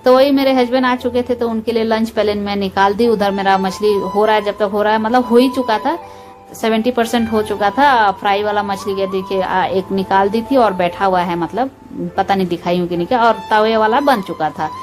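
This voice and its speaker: A mother of school-age children, a home vlogger, chats homely and directly to her viewers while walking them through cooking lunch at home. Her medium-pitched voice is steady and fairly quick, sitting under loud background music.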